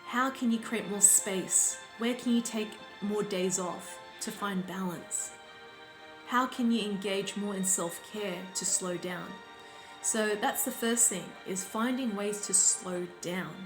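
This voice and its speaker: Woman, life coach, unhurried and instructive, reverberant room, faint music bed. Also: mid-range voice. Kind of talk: reflective talk to camera. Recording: roomy sound with faint background music.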